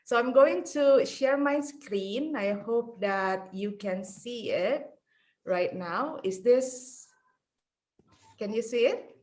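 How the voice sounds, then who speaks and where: A woman's voice: fairly high pitch, expressive, slow, darkish tone. A woman from Indonesia giving a conversational presentation on a video call, with fillers like "like" and "right". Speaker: panel speaker.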